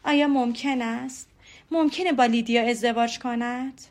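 A woman playing an eager young daughter, high and pressing. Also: steady tone, close to an everyday voice. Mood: astonished. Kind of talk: audiobook character voice.

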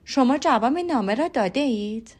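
A woman's voice: fairly high pitch, animated, a little mellow. A woman voicing an eager young daughter in an audiobook, firing off pressing questions. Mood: astonished. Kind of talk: audiobook character voice.

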